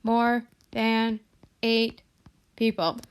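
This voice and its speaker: A woman math teacher working a problem aloud, switching to a slow, flat, robot-like computer voice. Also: fairly high pitch, smooth. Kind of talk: recorded classroom lesson, working a problem aloud.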